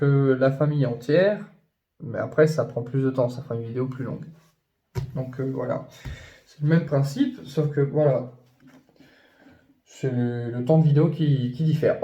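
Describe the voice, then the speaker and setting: A man's voice: mid-range voice, moderate pace. Rambling man in a roomy, dull recording. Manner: rambling, many fillers and restarts, gushing with excitement. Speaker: YouTuber showing his purchases. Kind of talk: casual unboxing chat.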